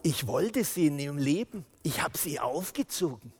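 Animated preacher man in a reverberant hall. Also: fairly high pitch, normal speed, husky. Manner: animated storytelling, acts out quotes. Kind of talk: sermon. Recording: long reverb of a large hall.

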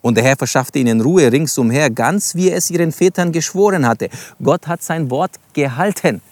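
A man's voice: a little high, expressive, normal speed, dry recording. A man teaching from the Bible in a sermon, reading verses aloud and explaining them, stressing single words and addressing his listeners directly. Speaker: preacher.

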